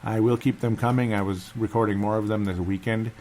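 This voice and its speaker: A man with a lowish voice hosts a casual fan talk show by himself. He keeps it subdued and held back, as if someone is asleep nearby, rambling and repeating phrases. There is some faint noise in the recording. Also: fairly even intonation, a little fast, a little mellow. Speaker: sports fan show host. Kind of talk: casual solo commentary.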